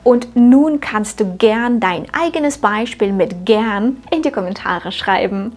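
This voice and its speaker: Female pronunciation coach, fairly high voice, very slow and deliberate delivery, faint music underneath. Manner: slow, carefully articulated demonstrations of sounds; clear, encouraging teacher address to the learner. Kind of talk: scripted language lesson.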